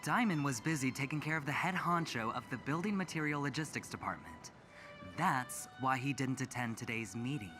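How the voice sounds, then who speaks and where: An actor playing a smug, charming young male gambler executive who talks in a teasing, smooth way. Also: mid-range voice, animated, a little fast, over music, close to an everyday voice.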